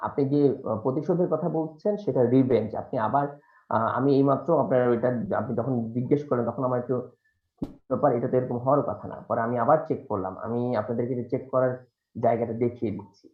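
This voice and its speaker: A man with a mid-range voice and quick pace teaches a live online class, patiently correcting a student's pronunciation with some fillers. The recording has a dull, echoey room sound.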